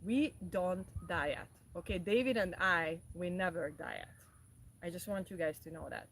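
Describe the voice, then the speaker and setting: A woman's voice: on the low side, lively intonation, a little slow, a bit bright, slight background noise, poor audio. A woman hosting a casual wellness talk show, speaking earnestly and often repeating herself. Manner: earnest, repetitive, restarts often. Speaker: wellness podcast host.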